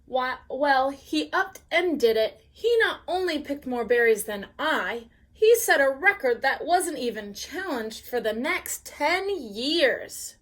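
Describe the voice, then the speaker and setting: A woman reading a picture book aloud as a bedtime story, pausing to ask the listener questions. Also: high-pitched. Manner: slow, gently expressive reading with questions to the listener.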